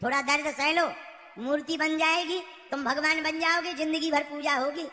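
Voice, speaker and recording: A stern male sculptor coaxes and scolds a stone that will not bear the pain, as a preacher puts him on. The voice sits high and bright. It rings with the long echo of a large hall. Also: fairly even intonation, moderate pace. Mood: coaxing. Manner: scolding, coaxing.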